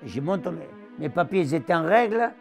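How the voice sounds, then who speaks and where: A war veteran in his nineties, gravelly and with a southern French accent, relates his memories of the war at a moderate pace in a fairly high pitch. He brings his stories to life by voicing the people he quotes, over soft background music.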